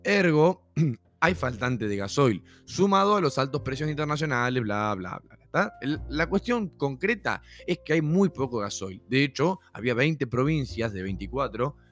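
Argentine guy talking casually, average pitch, lots of fillers, faint music in the back. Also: big pitch swings, moderate pace, a bit bright. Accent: Argentine Spanish. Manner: conversational, full of fillers and rhetorical checks. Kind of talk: casual explanatory monologue.

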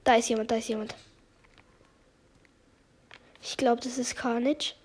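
Excitable young female gamer, high voice. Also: unhurried, slight background noise. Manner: excitable, drops to whispers when tense. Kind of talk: gameplay commentary.

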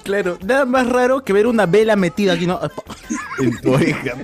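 A man's voice: high-pitched, huge pitch swings, moderate pace, background noise. A man with a Peruvian accent hosting a casual group podcast chat, joking and teasing his friends. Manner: joking, teasing, loud outbursts.

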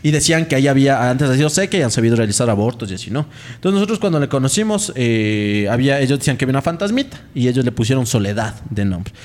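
A man's voice: mid-range voice, expressive, very fast. A young man, telling a rambling ghost story in casual chat and mimicking the voices in it. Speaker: podcast host.

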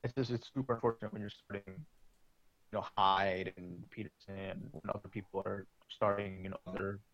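A fairly low-voiced man chats casually over an online call, and the connection makes him sound robotic and metallic. The audio is dull and lo-fi, with no room sound at all. He talks loosely and fills gaps with "you know". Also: moderate pace, no echo. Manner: relaxed, trails off with "you know" fillers. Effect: robotic, metallic call distortion. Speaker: co-host. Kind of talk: casual chat.

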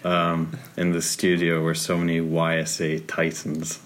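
A man's voice: sits low, monotone, measured pace, fairly bright tone. A man guesting on a casual podcast, laid-back and trailing off in restarts. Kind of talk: casual chat.

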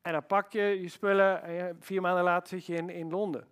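A man preaching a sermon as pastor, emphatic and animated, with rhetorical questions. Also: sits high, fairly quick, clear, resonant tone.

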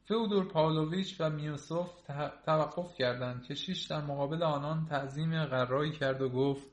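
A man reading a novel aloud as audiobook narrator in a steady, measured way. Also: on the high side. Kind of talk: scripted narration. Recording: roomy echo.

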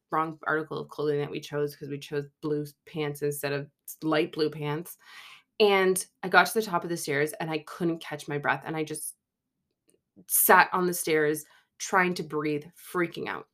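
Chatty, self-mocking woman with a lowish voice. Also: a bit bright. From Canada. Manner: chatty, self-mocking, laughs mid-sentence. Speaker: podcast host. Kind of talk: casual storytelling monologue.

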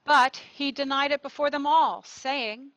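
A woman narrating a gospel reading in a church service, clear and measured. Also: high voice, steady tone, a bit bright, dry recording, lo-fi sound. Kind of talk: liturgical scripture reading.

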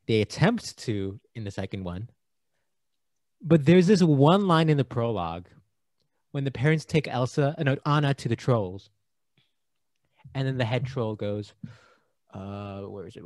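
A man's voice: medium pitch, darkish tone, no room sound, studio quality. A man co-hosting a podcast, chatting casually about a movie, laughing often and trailing off mid-thought. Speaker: podcast co-host.

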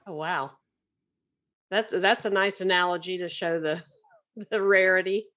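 A woman's voice: fairly low pitch, unhurried, fairly bright tone. A woman interviewing in a conversational style, restating key points with emphasis.

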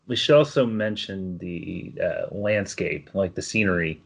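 Male podcast co-host, low voice, chatty and easygoing. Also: measured pace, gravelly, slightly rough. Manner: chatty storyteller, laughs often. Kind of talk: casual chat.

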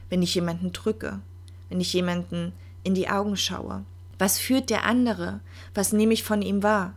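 A woman speaking earnestly and reflectively about mindfulness, addressing the listener directly and often dropping to a soft, quiet delivery. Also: medium pitch. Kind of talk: personal monologue on mindfulness.

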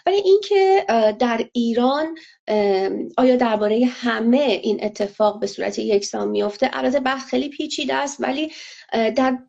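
A woman answering interview questions in a measured, analytical way, pausing often with fillers. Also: a little high, fairly even intonation, creaky, darkish tone. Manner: measured, hesitant, many filler pauses. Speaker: interview guest. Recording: lo-fi muffled audio.

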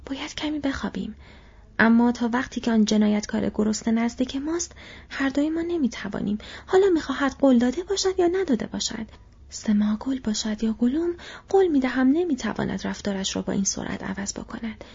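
A guarded, devoted hobbit servant acted out by a woman in a whispered role-play, his raspy, gravelly whisper slightly high. The recording is dull and lo-fi. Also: expressive, a little mellow, heavily acted. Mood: wary. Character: loyal wary male hobbit servant.

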